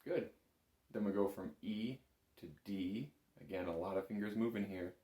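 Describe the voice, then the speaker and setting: A man with a voice on the low side teaches music at a moderate pace, patiently and carefully going step by step. He's recorded in an echoey room, with heavy background noise.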